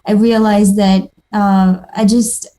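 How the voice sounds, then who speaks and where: Speaking slowly in a warm, medium-pitched voice with little pitch movement, this Moldovan woman, a native speaker of Moldovan and Russian, is an interview guest in a casual conversation. She comes across chatty and upbeat, with frequent restarts and small laughs.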